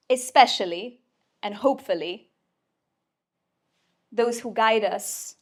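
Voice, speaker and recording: A woman giving an inspirational talk to a live audience at a mentoring event, playful and emphatic, with casual swearing. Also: medium pitch. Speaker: speaker at a mentoring community event.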